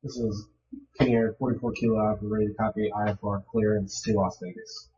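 A man's voice: on the low side, level tone, a little fast, warm tone. A man making terse pilot radio calls, sounding like he's on a speakerphone across the room. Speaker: pilot calling air traffic control. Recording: muffled lo-fi radio from far off, faint hiss.

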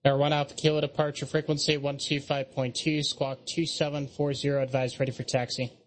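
Male air traffic controller, slightly high voice, flat procedural delivery. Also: brisk.

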